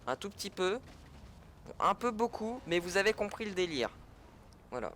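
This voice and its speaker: A man's voice: high voice, sing-song, normal speed, fairly bright tone, slight background noise. A man giving a casual, chatty gameplay tutorial in French, often correcting himself as he goes. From French-speaking. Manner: chatty, self-correcting, fillers. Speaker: gaming tutorial creator.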